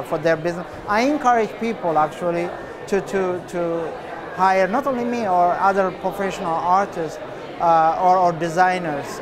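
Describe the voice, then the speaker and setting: Soft-spoken artist man with many pauses. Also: high-pitched. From Ethiopia. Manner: unhurried, many filler pauses. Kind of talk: interview answers. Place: indoor cafe.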